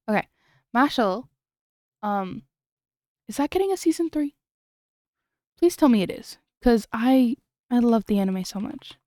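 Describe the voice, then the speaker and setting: Young woman, streamer, casual chatter, giggly, rambling, slightly high voice, dry close sound. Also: mellow, no room sound. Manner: chatty, giggly, trails off and restarts. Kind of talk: casual late-night stream chat.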